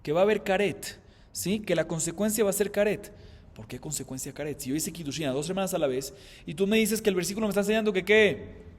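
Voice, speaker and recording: A man, a rabbi, teaching a Talmud class, explaining by asking and answering his own questions and chanting Aramaic quotations slowly. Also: high voice, expressive, big-room sound. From Colombia.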